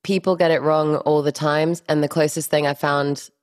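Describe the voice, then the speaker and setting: A young woman, an actress, with a mixed mostly English accent with a slight Spanish lilt, chatting brightly and gratefully in an interview. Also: low-pitched, flat delivery. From born in Miami, raised abroad. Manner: bubbly, grateful, quick to laugh. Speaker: actress guest. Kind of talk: casual interview chat.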